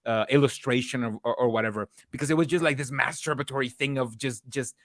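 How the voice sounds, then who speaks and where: A man's voice: medium pitch, steady tone, fast, no room sound, clean studio sound. A man co-hosting a podcast in casual chat, rambling with frequent restarts and easy laughter. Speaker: podcast co-host.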